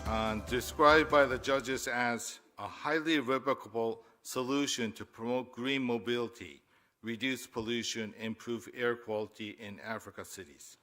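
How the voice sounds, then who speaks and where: A man's voice: mid-range voice, steady tone, moderate pace, a bit bright. A man announcing an award winner, building up to the name. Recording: clear music under the voice.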